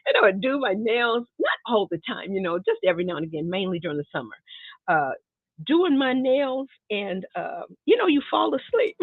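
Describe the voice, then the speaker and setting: Setting up a live-streamed painting lesson in her home studio, this middle-aged art teacher talks casually with her audience in a medium-pitched, nasal, congested voice. She laughs often and addresses people as "y'all" and "baby." The sound comes through a desk microphone near the table, with no echo but a tinny, narrow-band quality.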